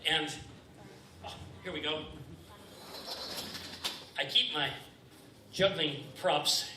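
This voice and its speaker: A man's voice: a little high, animated, slow pace. A man performing live comedy juggling and magic on stage, with the playful, feignedly befuddled patter of a kids party magician, in a noisy, echoey recording from far off. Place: stage before a live audience.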